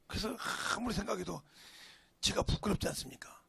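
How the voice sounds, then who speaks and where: A middle-aged male pastor preaching a sermon in a church, telling a personal story in a folksy way and swinging between shouts and hushed whispers. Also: high-pitched, animated, fairly quick, creaky, breathy edge, no room sound. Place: church sanctuary.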